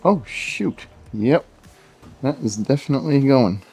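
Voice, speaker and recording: Soft music plays behind a native Swedish speaker from Sweden as he chats casually to viewers about his car project, thinking aloud in his home garage. He has a medium-pitched, darkish voice with lively intonation and a slightly slow pace.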